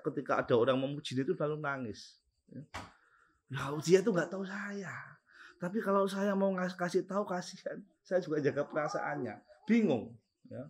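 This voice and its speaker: A man with a Javanese accent giving a casual religious study talk to students, animated and often chuckling, stopping to repeat and explain terms. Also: mid-range voice. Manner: animated, swings between loud stresses and soft asides, chuckles often. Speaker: Islamic teacher at a boarding school.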